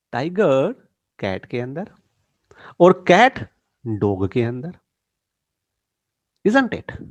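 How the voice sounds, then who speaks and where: A middle-aged man teaches students at an unhurried, measured pace, drawing out each key English phrase as if writing it on the board. His voice sits at an ordinary pitch, and the recording is close and dry with no room sound. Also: a little mellow, dry recording. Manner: mixes Hindi and English, addresses students directly; slow, deliberate stress on key English phrases. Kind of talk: lesson.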